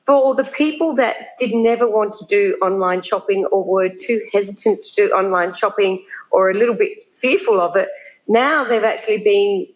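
A woman's voice: medium pitch, moderate pace. A woman answers as a podcast guest in a conversational way. The recording is a little dull and lo-fi. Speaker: podcast guest, beauty brand merchant. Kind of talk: conversational interview. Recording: slightly dull, lo-fi audio.

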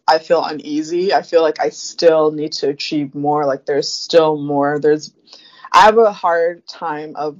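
A young woman from Africa, her voice sitting low, works through her ideas in a casual podcast chat. She is reflective and unhurried and fills pauses often. The sound is a little dull and lo-fi. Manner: thoughtful, reflective, many fillers.

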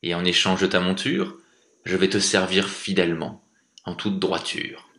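A man's voice: sits low, level tone, moderate pace, bright, forceful tone. A man voicing a big grey talking wolf, a stern but loyal helper who scolds and then forgives, in a storybook reading. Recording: echoey room.

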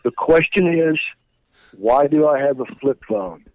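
A man's voice: mid-range voice, lively intonation, a little slow, no room sound. Older man on a tinny flip phone call. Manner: joking, chatty, folksy. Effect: old flip phone call. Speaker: podcast guest, retired radio reporter. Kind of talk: casual chat.

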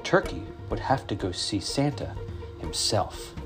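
A man reading a children's story aloud in a slow, expressive storytelling voice. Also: fairly low pitch. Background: music.

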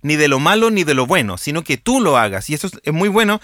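Bright-voiced Chilean man telling stories. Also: fairly high pitch, fast, no room sound, clean studio sound. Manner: animated storyteller, acts out characters' lines. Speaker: podcast co-host. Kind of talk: casual chat about films.

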